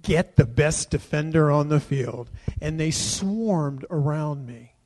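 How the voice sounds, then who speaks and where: A man preaching a sermon, with a voice that sits a little high. He drops to quiet asides and personal stories, then rises into loud declarations, and puts questions to his listeners. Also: takes it slowly. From United States. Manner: tells personal stories and asks the congregation questions. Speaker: pastor.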